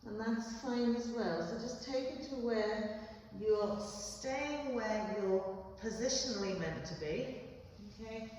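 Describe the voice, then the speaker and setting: A woman leading a yoga class with gentle, steady cues, often checking in with a quick "okay?". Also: fairly high pitch. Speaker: yoga instructor. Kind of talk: guided yoga class instruction. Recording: very echoey room, voice far from mic, faint background noise.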